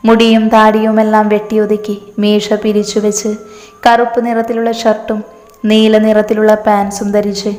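A woman's voice: mid-range voice, darkish tone. A woman reads a romance story aloud in a level, evenly paced voice with little rise and fall. Her voice rings out in an echoey room, and each phrase trails off into a long reverb.

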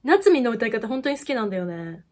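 A young woman chats over a music video in a casual reaction style. Her voice sits fairly high, and she gushes with quick exclamations and bursts of laughter. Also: very animated, darkish tone. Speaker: idol fan YouTuber.

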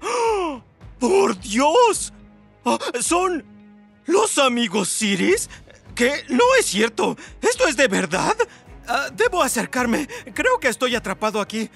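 A performer voicing Azul's role, an excitable, easily startled young blue monster in an animated gaming roleplay. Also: mid-range voice, vocal fry, exaggerated voice. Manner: dramatic, wide-eyed, easily startled. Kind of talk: animated Minecraft roleplay dub, exclamatory.

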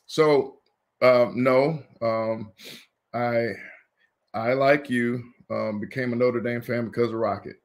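Lively storytelling man from Indianapolis. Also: mid-range voice, slow. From Indianapolis, USA. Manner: lively storyteller who acts out the people he quotes. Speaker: guest, former college football player. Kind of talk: casual interview storytelling.

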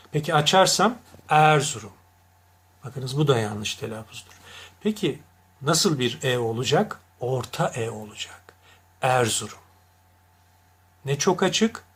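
A man giving a diction lesson, deliberately saying each word wrongly and then correctly to contrast the sounds. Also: medium pitch, husky. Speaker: diction teacher.

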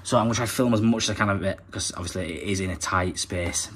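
A man's voice: deep voice, fast talker, fairly bright tone, slight background noise. A young man, a plumber talking casually as he films his work and explains each step in a practical, chatty way. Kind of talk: casual vlog narration. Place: factory floor, then a house kitchen.

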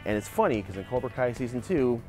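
A man in his forties hosts a martial arts channel, arguing his case in lively, animated commentary. He's recorded outdoors in a backyard on a clip-on lapel mic. His voice sits at a middle pitch, with faint music underneath. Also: fast talker. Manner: animated, gestures a lot while arguing a point. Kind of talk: opinionated video commentary. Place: outdoor backyard by a wooden fence.

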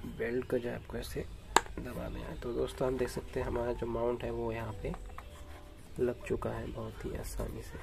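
A man's voice: mid-range voice, gravelly. A man casually narrating an unboxing and setup tutorial, speaking steadily to viewers while his hands work on a table at home. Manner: steady explanatory, frequent address to viewers. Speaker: unboxing vlogger. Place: indoors at home, camera over tabletop.

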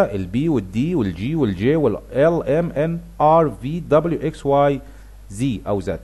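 Lively Egyptian man teaching pronunciation. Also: medium pitch. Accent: Egyptian Arabic. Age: middle-aged. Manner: lively, stretches words slowly to demonstrate sounds. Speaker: English teacher. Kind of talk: explaining pronunciation to viewers.

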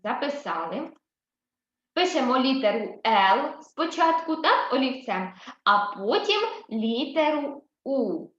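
A woman teaching a first-grade writing lesson with a Ukrainian accent, speaking slowly and patiently and praising the children often. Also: sits high, big pitch swings, a bit bright. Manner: encouraging, often asks "так?" and praises the children. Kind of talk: slow, patient classroom instruction. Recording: roomy, slightly dull recording.

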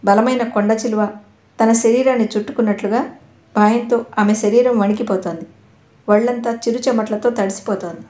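A woman narrating an audio novel in a steady, dramatic storytelling manner. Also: on the high side, fairly quick. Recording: echoey room.

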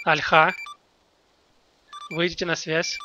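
A man playing a military game as company commander, giving halting, commanding radio orders over voice chat. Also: fairly high pitch, flat delivery, pushed and bright, a little hiss or hum.

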